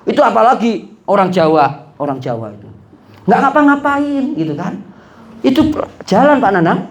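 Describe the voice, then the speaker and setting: A man's voice: high voice, big pitch swings, normal speed. A man preaching a religious study talk who poses questions to his audience and answers them himself, with joking asides. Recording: echoey room.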